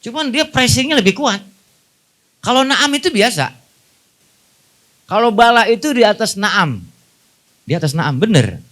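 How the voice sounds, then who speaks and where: A man's voice: high voice, fairly bright tone. A man with a Betawi accent preaching a humorous sermon at a mosque gathering, mixing jokes with Quran verses and constantly asking the audience questions. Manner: jokey, colloquial, asks the audience questions.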